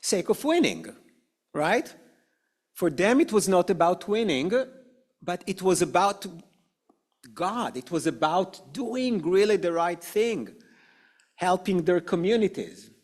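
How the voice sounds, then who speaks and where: A man teaching an adult education class in a slow, conversational way, often checking with "okay?" and asking the group questions. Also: high voice, very animated, a little mellow. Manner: frequent "okay?" and "right?" checks, many "uh" fillers. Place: synagogue classroom.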